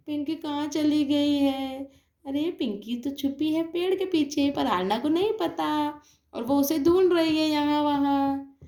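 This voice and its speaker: A woman telling a doll story in a lively, exclaiming way. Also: sits high, a little slow, roomy sound.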